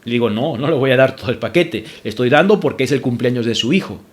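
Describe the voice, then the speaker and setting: A man's voice: mid-range voice, animated, fast talker. A male pastor preaching a sermon to his congregation, addressing them as brothers, repeating scripture references and rising sharply when indignant.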